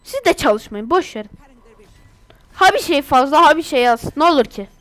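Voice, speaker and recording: A Turkish woman who runs a gaming YouTube channel chats casually over her own gameplay. Her voice sits high, and she's excitable, quick to erupt into exasperated outbursts.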